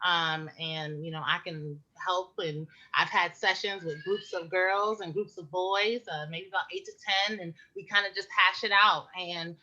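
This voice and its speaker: Frank, bright-voiced woman health educator. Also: on the low side, moderate pace, hardly any pauses. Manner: animated, frank, with many fillers and rhetorical questions. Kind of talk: casual conversational advice. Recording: muffled lo-fi recording.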